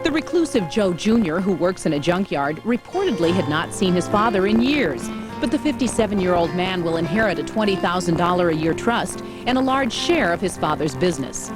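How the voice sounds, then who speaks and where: Female TV anchor, brisk scripted read, worn VHS tape sound. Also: on the low side, music in the background. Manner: brisk, even newsreader delivery. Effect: worn VHS tape copy, muffled and hissy. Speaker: news anchor. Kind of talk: scripted news reading.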